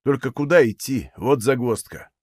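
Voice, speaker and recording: A man's voice: medium pitch, husky, dry recording, studio quality, lightly acted. A man doing a grumbling, careful Cossack. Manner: grumbling, strained, slow.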